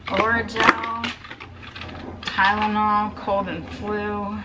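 This woman in her thirties, a storage unit reseller vlogger, speaks at medium pitch with little variation and drawn-out words, under heavy background noise. Indoors in a metal unit, she casually narrates while sorting, wryly reflecting on each find.

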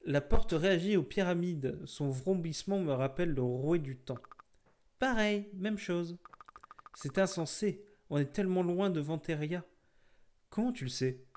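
An earnest, determined young heroine from a fantasy video game, read out by a man. She speaks plainly and slowly, in a voice pitched a little high. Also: a little mellow.

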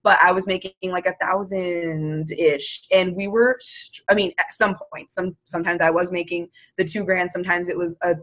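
A woman's voice: on the low side, a bit bright. A young woman talking casually as a guest, emphatic and motivational, swearing now and then. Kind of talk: casual chat.

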